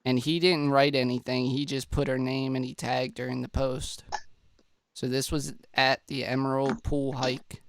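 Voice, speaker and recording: Male host, slightly congested and breathless, easy chatty delivery, middle pitch, clean dry sound. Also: flat delivery, moderate pace, gravelly, no echo. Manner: chatty, addresses viewers as guys, restarts. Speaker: true-crime video host. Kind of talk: casual presentation walkthrough.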